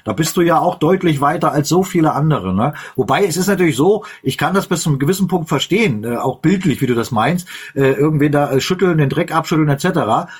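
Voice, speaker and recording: A man with a somewhat high, husky voice hosts a casual political chat. He talks in a relaxed way and leans on lots of fillers. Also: fast. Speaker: host.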